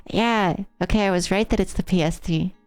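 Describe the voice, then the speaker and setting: This American woman from the Rocky Mountain region speaks at a medium pitch with a darkish tone, and the recording has no room sound. She streams live, casually commentating a game over video game music. Her trained, affected silly voice carries a slight speech impediment, and she comes across as musing and easily amused.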